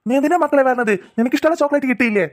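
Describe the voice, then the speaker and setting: A woman's voice: high voice, racing, lightly acted. A woman doing a flustered apologetic cartoon dad. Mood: pleading. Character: soft pleading father, flustered and apologetic. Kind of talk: cartoon voice acting.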